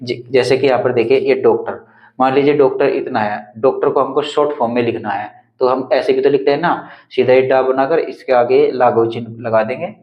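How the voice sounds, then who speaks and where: A male Hindi teacher explains punctuation at a whiteboard step by step, repeating each example, in a steady, medium-pitched voice that moves a little fast. The grammar lesson was recorded in an echoey room with a slightly dull sound.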